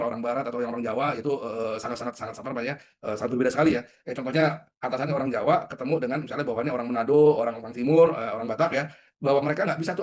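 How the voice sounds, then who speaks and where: A middle-aged man giving a leadership webinar in a conversational way, often putting questions to his audience. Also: medium pitch. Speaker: leadership trainer. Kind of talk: webinar talk.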